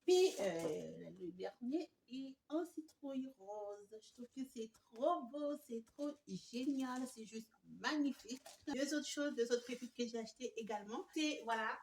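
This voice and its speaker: A woman's voice: a little high, a little slow, few pauses, slight background noise. Gushing young woman. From Canada. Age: 20s. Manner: excited, gushing, many fillers. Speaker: home decor vlogger. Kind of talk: casual haul video. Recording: echoey room, mic at a distance.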